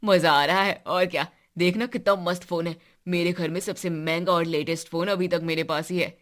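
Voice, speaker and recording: A woman's voice: steady tone, fairly bright tone, close to an everyday voice. Woman voicing a sulky teenage boy. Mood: boastful. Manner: low and sulky, quick to snap. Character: teenage boy, proud, touchy about home.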